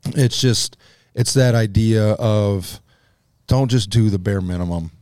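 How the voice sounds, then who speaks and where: A man with a lowish voice hosts a relaxed, joking conversation. He thinks aloud with a few fillers. The sound is dry and close. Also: slow pace, dry recording. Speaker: podcast host. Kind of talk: casual chat.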